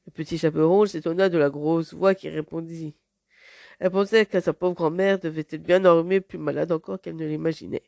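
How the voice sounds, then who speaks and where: A woman narrating a fairy tale in an expressive, dramatic read-aloud manner. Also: fairly low pitch, gravelly, dry recording. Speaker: storyteller.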